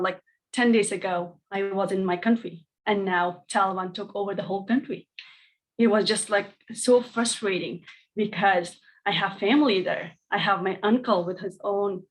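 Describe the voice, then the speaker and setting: A woman's voice: mid-range voice, rough recording. A young woman from Afghanistan sharing a heartfelt personal testimony on a video call. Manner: conversational and heartfelt. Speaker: speaker at a community briefing.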